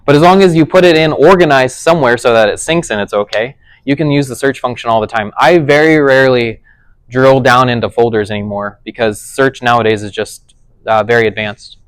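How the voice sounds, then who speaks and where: A man's voice: medium pitch, fairly quick, smooth, no echo, poor audio. A man teaching a casual tech class, explaining things conversationally and often checking whether his listeners follow. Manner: conversational, checks understanding with frequent "does that make sense".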